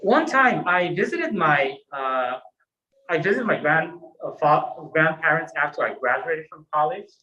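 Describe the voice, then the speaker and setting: Guy giving a calm dharma talk, kinda high voice, faint hiss in the back. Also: a little slow, dull audio. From Japan. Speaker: Buddhist minister. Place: temple hall. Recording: roomy temple hall echo.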